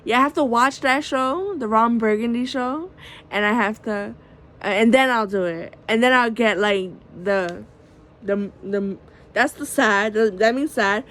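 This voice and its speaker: A woman's voice: a little high, unhurried, a bit bright. A woman vlogging at home late at night into her phone camera, rambling candidly, peppering her talk with "like" and swearing freely. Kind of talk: casual late-night vlog monologue.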